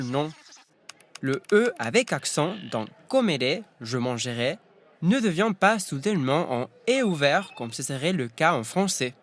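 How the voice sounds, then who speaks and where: A man's voice: on the high side, a bit bright. A man from Spain whose first language is Spanish, giving a wry, teasing scripted narration.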